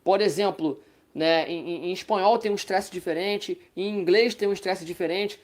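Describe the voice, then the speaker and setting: A woman's voice: on the low side, normal speed, darkish tone. A woman with a Brazilian Portuguese accent giving a casual online language lesson, chatting along and often checking in with her listeners. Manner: chatty, ends phrases with "tá?" check-ins. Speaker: language teacher.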